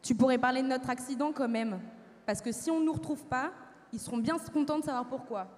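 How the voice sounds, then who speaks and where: A woman's voice: high-pitched, brisk, a little mellow, close to an everyday voice. Woman playing a sarcastic, gloomy survivor. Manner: sarcastic, pessimistic remarks. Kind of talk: live stage sketch. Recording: reverberant hall.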